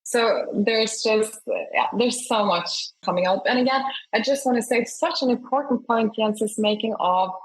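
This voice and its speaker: A woman's voice: a little high, moderate pace, hardly any pauses, breathy edge, rough recording. A woman from Scandinavia, an investor and award founder, talking enthusiastically in an interview. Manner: enthusiastic, emphatic.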